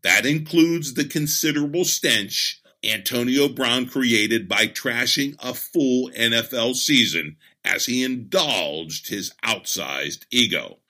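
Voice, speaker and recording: A man hosting a sports podcast, reading a scripted opinion update in a measured, emphatic way. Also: medium pitch, sharp tone.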